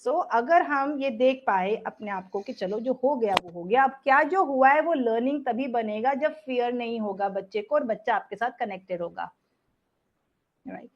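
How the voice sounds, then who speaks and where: A woman's voice: on the high side, expressive, normal speed, a little hiss or hum. A woman leading a parenting workshop, mixing Hindi and English and often asking "right?". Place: workshop room with an audience. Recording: dull lo-fi recording.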